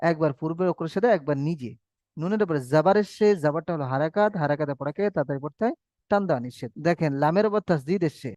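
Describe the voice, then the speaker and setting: A man's voice: a little high, darkish tone, no room sound, studio quality. A man teaching Quran reading in a recorded online lesson, patiently drilling rules over and over and drawing out his recited examples.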